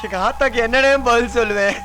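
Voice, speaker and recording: A man's voice: extremely high pitch, fairly even intonation, quick pace, music in the background. An actor playing a grief-stricken, pleading young man in a Tamil film drama. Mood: grieving. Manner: pleading, broken-up.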